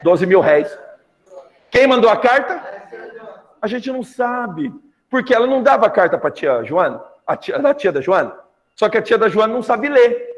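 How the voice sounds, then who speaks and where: A man's voice: moderate pace, dull audio. A man with a Brazilian Portuguese accent teaching a literature lesson, retelling a novel and acting out the characters' lines. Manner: lively, acts out characters' lines with big pitch jumps. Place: classroom. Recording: long reverb.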